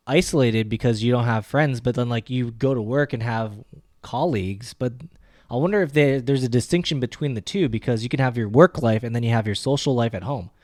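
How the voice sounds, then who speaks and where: A man's voice: mid-range voice, fairly quick, a little mellow, no room sound, studio quality. A young man co-hosting a casual podcast, talking loosely with lots of "like" and the odd joking aside. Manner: loose and chatty, heavy use of "like", joking asides. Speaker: podcast co-host.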